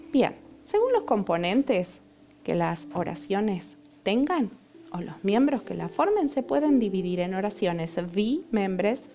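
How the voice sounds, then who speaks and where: A woman's voice: mid-range voice, mellow. A young adult woman teacher, explaining a lesson patiently and often checking in with her students. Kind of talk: recorded online lesson.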